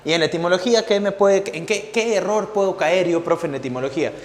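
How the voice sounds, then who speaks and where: A curious young student keeps asking his teacher questions, put on by the teacher himself. The voice sits high, and a long reverb hangs on each line. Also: fast, natural voice. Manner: eager and questioning, keeps saying "profe". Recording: echoey room with long reverb.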